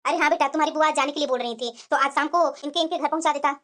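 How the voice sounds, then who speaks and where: Bossy cartoon mother-in-law, very high voice, rapid. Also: a bit bright. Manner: bossy, brisk. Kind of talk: cartoon dubbing.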